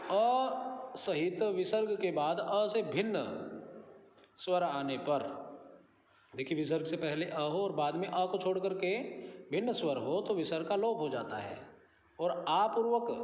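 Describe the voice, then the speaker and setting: A man delivers a grammar lecture in a fairly high voice, patiently laying out rules and repeating example after example. The recording has a roomy echo with a long reverb tail and faint ambient noise behind him, as if captured on a phone screen recorder. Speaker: Sanskrit grammar teacher. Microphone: screen recorder, phone mic.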